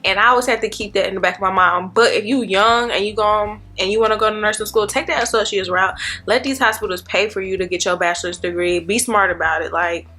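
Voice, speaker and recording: A woman's voice: medium pitch, steady tone, quick pace, sharp tone. A woman in her twenties, a nursing student vlogging in a chatty, rambling way, talking straight to her viewers. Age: 20s. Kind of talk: casual chat to camera.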